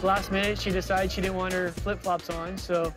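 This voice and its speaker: A man's voice: high voice, little pitch movement, normal speed, over loud music. A man, a pageant parent, speaking hesitantly with restarts and fillers.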